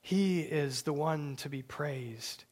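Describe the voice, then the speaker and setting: A man preaching a sermon with emphatic delivery, dropping to hushed near-whispers on key words. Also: a little high, slow pace. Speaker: pastor.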